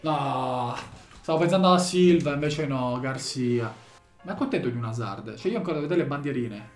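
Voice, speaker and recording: A man commentating as he opens game packs, swinging from shouted excitement to low muttering. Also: moderate pace, reverberant, soft background music. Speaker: gaming YouTuber opening packs.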